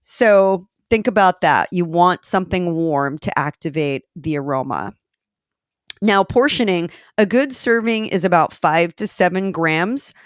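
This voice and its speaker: A woman's voice: on the low side, animated, measured pace, clear, resonant tone, dry recording, clean studio sound. A woman hosting a solo podcast, talking in a chatty way with self-deprecating asides and a few fillers. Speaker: podcast host.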